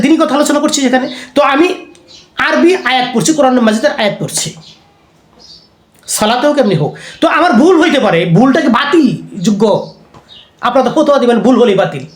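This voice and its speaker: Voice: high voice, reverberant. An Islamic preacher giving a conversational religious lecture, often putting rhetorical questions to the listeners.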